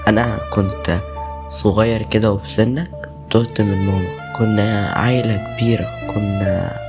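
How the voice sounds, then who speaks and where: A man voicing a gentle Egyptian man. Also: fairly low pitch, steady tone. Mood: tender. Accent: Egyptian Arabic. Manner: soft, reassuring, unhurried. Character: gentle adult man comforting an orphan boy. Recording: faint music playing behind.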